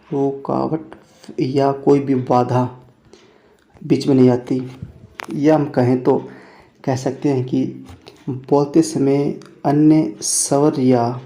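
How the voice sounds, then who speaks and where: A man teaching Hindi grammar in a classroom lesson, repeating phrases slowly and calling his listeners friends. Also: mid-range voice, vocal fry, mellow. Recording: echoey room.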